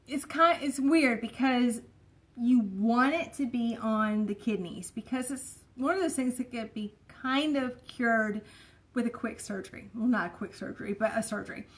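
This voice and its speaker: A woman vlogger, chatting casually and rambling with many fillers and asides. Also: on the high side. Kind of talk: casual chat.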